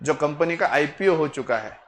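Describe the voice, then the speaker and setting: Male teacher, slightly higher-pitched, teasing and playful, then slow and deliberate on key points. Faint room hum. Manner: teasing, joking with students, switching to slow deliberate explanation. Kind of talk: classroom lecture. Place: classroom.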